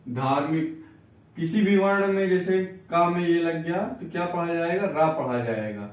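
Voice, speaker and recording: A man teaching Hindi spelling, explaining patiently and repeating each word slowly, asking and answering his own questions. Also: on the high side, distant mic, muffled recording. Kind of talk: spelling and reading lesson. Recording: echoey room, voice away from mic.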